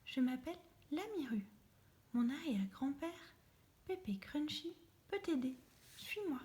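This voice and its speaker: A woman's voice: sits high, very animated, measured pace, mellow. A woman doing an eager little squirrel. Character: small helpful young squirrel.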